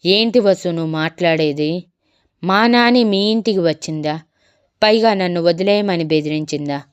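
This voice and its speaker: A woman's voice: fairly low pitch, normal speed, clear, resonant tone, dry recording, dull audio, close to an everyday voice. A woman voicing a young man who earnestly defends and reassures his beloved. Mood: shocked. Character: young man, worried and protective lover.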